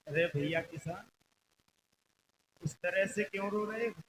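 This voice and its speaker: A man playing a calm, patient divine prince in a folk stage play, asking measured questions. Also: high voice, background noise.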